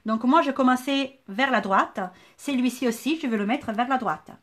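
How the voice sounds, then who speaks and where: High-voiced woman with a southern French lilt. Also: normal speed, a bit bright. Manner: chatty, thinks aloud, greets viewers by name. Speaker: scrapbooking tutorial host. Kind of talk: live craft tutorial.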